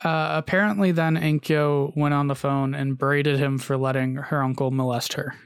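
A man's voice: fairly high pitch, fairly even intonation, moderate pace, gravelly, clean tone, no echo, studio quality. A man hosting a casual podcast, telling a story with frequent "uh"s and restarts and reading long quotes aloud. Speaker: podcast host.

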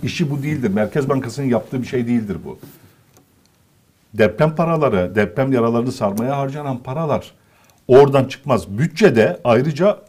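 A man's voice: mid-range voice, moderate pace, a little mellow, slightly rough. A man in a political commentary chat, explaining economic points emphatically and asking rhetorical questions.

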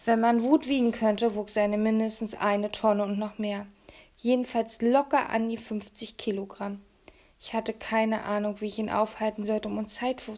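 Gravelly-voiced woman reading a story. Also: mid-range voice. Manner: animated, dropping to whispers at times. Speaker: audiobook reader. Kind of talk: lively storybook narration.

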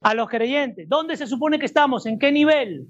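A man's voice: very high-pitched, expressive, normal speed, highs cut off. A man preaching a sermon to a congregation, emphatic and full of rhetorical questions. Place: church service before a congregation.

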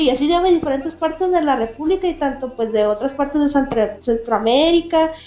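A cartoonist and event organizer from Mexicali, Baja California, Mexico, she chats casually as an interview guest in a high, slightly mellow voice. Fillers, restarts and frequent laughs run through her talk, recorded in an echoey room.

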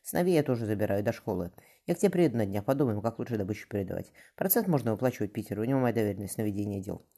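A man reading a calm grieving sea captain. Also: lowish voice, very fast.

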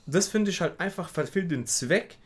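A young man in a casual chat, insistent and talking in quick bursts to hold the floor. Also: high voice, animated, a little hiss or hum.

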